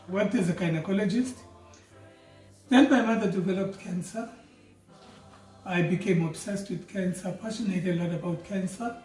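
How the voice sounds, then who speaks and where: Middle-aged South African man, high, earnest and measured, personal introduction, roomy off-mic sound. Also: a little mellow. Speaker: doctor and theology student. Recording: roomy, mic at a distance, faint music.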